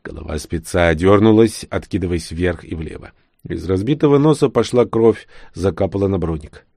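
A man narrating a novel in a measured, expressive manner. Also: deep voice, vocal fry, no echo, studio quality. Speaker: audiobook reader. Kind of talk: scripted narration.

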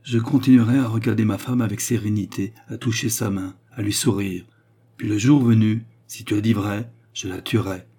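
A man reading the part of a nobleman torn between rage and icy calm, in an intense, declamatory way. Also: on the low side, moderate pace, slightly rough. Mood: raging vow. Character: enraged cold-blooded male nobleman.

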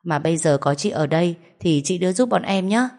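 A woman's voice: on the low side, animated, brisk, a little mellow. A woman voicing a friendly, chatty young male coworker in an audio story.

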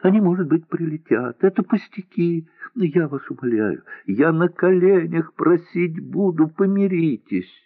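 A man's voice: on the high side, expressive, a little slow, few pauses, slightly rough, no room sound, pitched above the performer's own voice. A man voicing a tearful young woman who pleads and begs in an audiobook. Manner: pleading, near tears. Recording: dry tinny lo-fi sound.

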